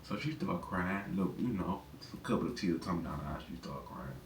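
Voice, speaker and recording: A man's voice: lively intonation, normal speed. A man giving relationship advice in a casual, rambling monologue, often repeating his words. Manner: rambling, conversational, repeats phrases. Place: in his truck. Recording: roomy, distant mic, faint rumble.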